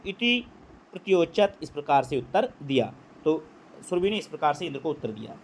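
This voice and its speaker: A man's voice: on the high side, animated, a little mellow, slight background noise. Man teaching Sanskrit line by line. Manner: reads Sanskrit slowly, then explains in Hindi. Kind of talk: line-by-line translation lesson.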